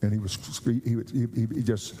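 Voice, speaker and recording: A man's voice: mid-range voice, steady tone, mellow, breathy edge. American guy preaching, earnest, keeps repeating himself, long echo like a big church. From United States. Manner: earnest, repeats and restarts phrases, slows down for emphasis. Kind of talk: sermon. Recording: long hall reverb.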